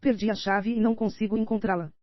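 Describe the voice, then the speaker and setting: A Brazilian woman reads quickly in a medium-pitched voice close to her everyday one, with fairly even intonation and no room sound. She plays a scheming older nobleman in an audiobook, pleading and insistent, her steady reading slightly dull and dry and her accent Brazilian Portuguese.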